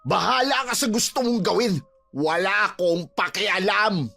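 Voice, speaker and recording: An actor playing a callous, scheming brother-in-law who talks in a mocking, dismissive way. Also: male voice, high voice, unhurried, gravelly, pushed and bright, full character voice.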